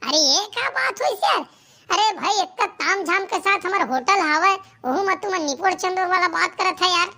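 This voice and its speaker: Pushy squeaky hotel waiter. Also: lively intonation, gravelly, pushed and bright, full character voice. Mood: lecturing. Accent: Chhattisgarhi. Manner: brisk, insistent. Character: pushy small-town hotel waiter, male.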